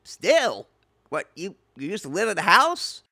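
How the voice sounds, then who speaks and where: An unflappable, wry paranormal radio host played by a man, given to deadpan asides. The voice is bright and highly animated in pitch, close and dry in a late-night comedy drama. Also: unhurried, creaky, dry recording, heavily acted. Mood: cautious, deadpan.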